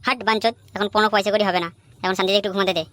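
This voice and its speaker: Woman doing a gruff cursing cartoon dad. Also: mid-range voice, steady tone, rapid-fire, fairly bright tone, no echo, studio quality, voice pushed down, natural voice. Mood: grumpy. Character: grumpy, crude, lazy cartoon father.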